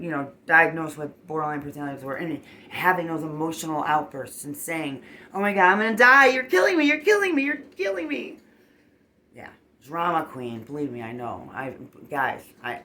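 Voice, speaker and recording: A tarot reader with a bright, sharp tone gives a casual, rambling reading straight to the camera, animated and getting emotionally worked up. Points land with a quick "boom" or "okay?", and a faint hum of ambience runs underneath.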